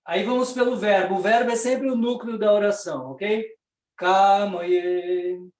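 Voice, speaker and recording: Higher-pitched Brazilian man teaching in a roomy space. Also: steady tone, a little slow, a little mellow. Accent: Brazilian Portuguese. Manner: patient, explains step by step with frequent "né?". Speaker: Sanskrit teacher. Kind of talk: explanatory lecture. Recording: roomy, distant mic.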